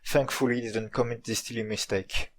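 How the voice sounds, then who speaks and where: A man's voice: mid-range voice, steady tone, a little fast. A man with a French accent, a native French speaker, narrating an informal video story in a dry, tongue-in-cheek manner. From France.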